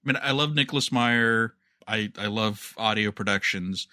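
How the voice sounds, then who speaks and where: A podcast co-host with a fairly low-pitched, sharp-toned voice chats casually about entertainment news, sharing his opinions conversationally. The recording is clean studio sound with no echo.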